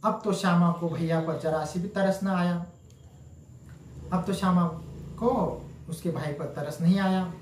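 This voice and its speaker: A man's voice: high-pitched, steady tone, unhurried, a little hiss or hum. A male teacher explaining a story lesson, reading each line and repeating it in plainer words. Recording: echoey room.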